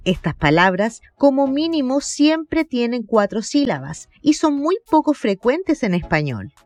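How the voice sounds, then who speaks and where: A woman narrates a scripted lesson in a clear, deliberate teaching voice. Her pitch moves a lot, keeping the explanation lively. Soft music plays faintly behind the voice-over.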